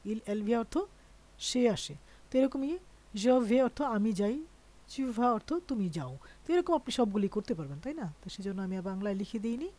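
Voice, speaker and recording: A woman teaching French verb conjugations, reading each form slowly and often pausing to check in with her listeners. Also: on the high side, lively intonation, dark tone. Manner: reads conjugations slowly one by one. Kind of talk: online language lesson.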